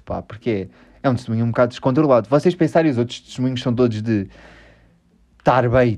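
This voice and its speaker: A man's voice: medium pitch, dark tone. A man with a European Portuguese accent hosting a casual podcast, rambling, joking at his own expense and swearing a lot. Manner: rambling, self-mocking, swears often. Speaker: podcast host.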